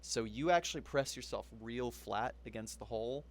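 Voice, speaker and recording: A man narrating as game master in a relaxed, chuckling manner. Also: medium pitch, normal speed.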